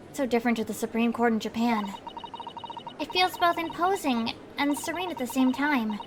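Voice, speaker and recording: A woman voicing an earnest, nervous young male defense lawyer, speaking in a reflective, quiet way. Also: a little high, noisy background, lightly acted.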